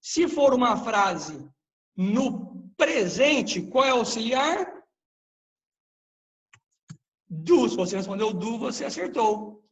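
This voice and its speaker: A male teacher leads a live online grammar lesson at his computer. He talks slowly and deliberately, pausing to quiz his students. His voice sits high for a man. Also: big pitch swings, fairly bright tone, poor audio. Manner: explains patiently, quizzes the class with questions. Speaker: English teacher.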